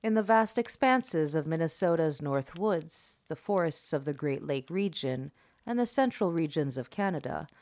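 Low-voiced woman, ominous horror host. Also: expressive, normal speed, darkish tone, dry recording. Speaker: host of an eerie folklore series. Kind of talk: horror host narration, scripted.

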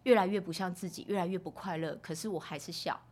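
A middle-aged woman, telling stories as a podcast guest in an expressive way, acting out what people said. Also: fast. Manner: expressive, acts out quoted speech with rising pitch. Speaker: podcast guest, mother of two sons. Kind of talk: casual storytelling chat.

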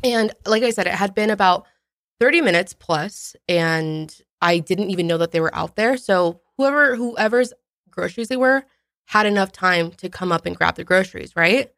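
A woman's voice: mid-range voice, animated, moderate pace, gravelly, fairly bright tone, dry recording, studio quality. A young woman co-hosting a podcast, animatedly telling a story from her weekend. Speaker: podcast co-host. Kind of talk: casual storytelling.

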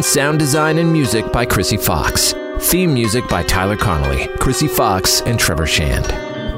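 A man reading a podcast's end credits in a measured announcer's delivery. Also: lowish voice. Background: loud guitar music.

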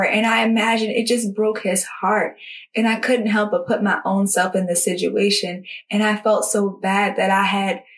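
A woman hosting a devotional podcast, talking earnestly and personally straight to her listeners. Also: mid-range voice. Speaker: podcast host. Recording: voice somewhat distant from the mic.

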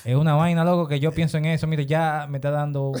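A young man with a Dominican accent and a somewhat high-pitched voice. He talks in a slangy, animated way, telling jokey stories to friends as a podcast co-host. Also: quick pace, clear, resonant tone. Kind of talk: casual chat and storytelling among friends.

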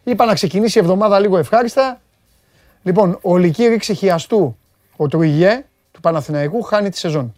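Joking sports talk host. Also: male voice, sits high, dry recording. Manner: joking, animated, banters with studio crew. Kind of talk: casual sports talk, reading viewer comments.

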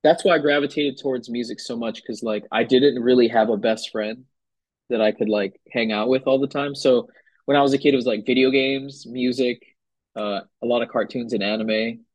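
A young man from Hawaii talks easily in a casual interview, his voice slightly husky and breathy. The sound is close and dry. His speech wanders loosely, full of fillers. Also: medium pitch, moderate pace, dry recording, low-quality recording. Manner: relaxed, loose, filler-heavy talk. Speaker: guest musician. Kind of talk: casual conversation.

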